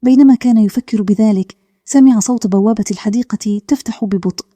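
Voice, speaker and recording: A woman narrating a calm bedtime story in a steady, even way. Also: medium pitch, a little fast, dry recording.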